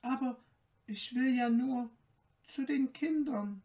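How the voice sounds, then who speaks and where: A woman voicing a timid, gentle fairy-tale maiden who speaks softly and pleadingly, recorded from a distance. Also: on the high side, measured pace, pitched above the performer's own voice, lightly acted.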